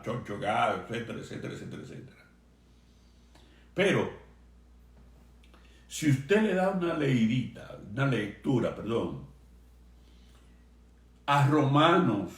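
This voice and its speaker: Earnest man preaching in an echoey room. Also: fairly low pitch. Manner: earnest, emphatic preaching with slow stressed phrases. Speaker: pastor. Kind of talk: sermon. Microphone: video stream for a remote congregation.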